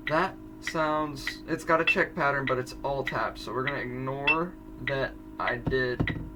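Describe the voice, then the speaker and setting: Chatty teen guy, far from mic. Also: mid-range voice. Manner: chatty, self-correcting, rambling asides. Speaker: drumline student teaching audition exercises. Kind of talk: casual drum tutorial.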